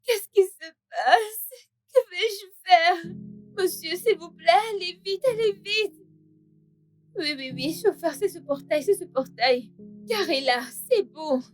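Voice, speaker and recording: A woman's voice: very high voice, takes it slowly, faint music behind. An actress dubbing a frightened young woman who pleads to be believed, in a French-language film drama. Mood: panicked. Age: young adult. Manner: pleading, tearful.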